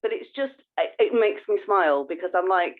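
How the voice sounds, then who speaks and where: Co-hosting a casual podcast, a woman explains things informally, fairly quickly and with an animated delivery, often beginning her sentences again. Her voice is mid-range, and the sound is narrow like a phone's.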